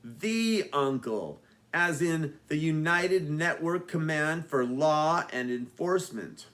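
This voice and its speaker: A man voicing an odd, nerdy teenage boy who is strangely sure of himself, speaking in a slow, deliberate, quirky way. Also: on the high side, animated, fairly bright tone. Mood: indignant.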